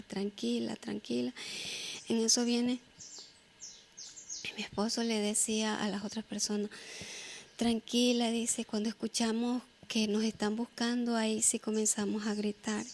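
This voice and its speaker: A woman from Ecuador, speaking, gives a personal testimony in a halting storytelling way, with frequent fillers and repeated phrases. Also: medium pitch, a little mellow. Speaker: earthquake survivor.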